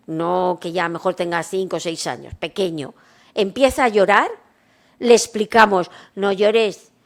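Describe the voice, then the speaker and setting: Brief: middle-aged woman from Spain, nurse teaching mindfulness, calm and unhurried, medium pitch. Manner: calm, unhurried, rhetorical questions to the class. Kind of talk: workshop lecture.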